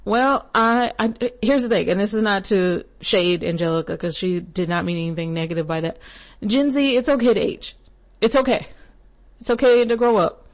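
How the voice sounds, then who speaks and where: Laughing often and drifting into asides, a young adult millennial podcaster offers easygoing spiritual advice in a chatty, rambling manner. English is her first language, and her medium-pitched voice keeps a moderate pace.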